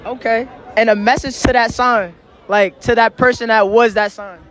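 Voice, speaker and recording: A man with a very high-pitched voice hosts a casual street interview outdoors on a busy city street, trading playful, hyped banter. He speaks at normal speed with fairly even intonation, while the street crowd and loud music sound behind him.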